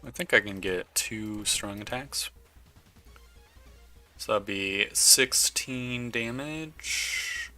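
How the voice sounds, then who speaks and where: A man's voice: on the low side, very slow, pauses often, bright, forceful tone, faint music behind. A man casually commenting while playing a video game, chatting and reading the game's text aloud. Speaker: gaming YouTuber. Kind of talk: casual let's play commentary.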